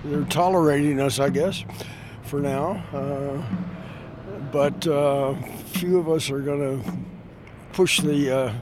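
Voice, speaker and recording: A man who is a protester giving a casual, halting interview outdoors by a road. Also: a little high, fairly even intonation. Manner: halting, hesitant. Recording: clear outdoor traffic noise.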